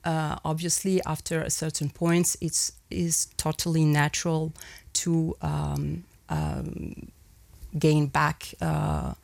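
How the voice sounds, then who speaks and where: Gravelly-voiced woman from Mauritania. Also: low-pitched, lively intonation, slow, darkish tone, no room sound. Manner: hesitant, searching for words with many fillers. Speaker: panel guest. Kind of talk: conversational recollection.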